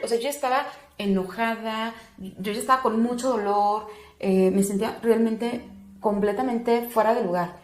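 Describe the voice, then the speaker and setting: This woman, a doula being interviewed, has a fairly high pitch and moderate pace. She tells a story from her own experience with animation, voicing other people's words in a raised tone. The room echoes noticeably.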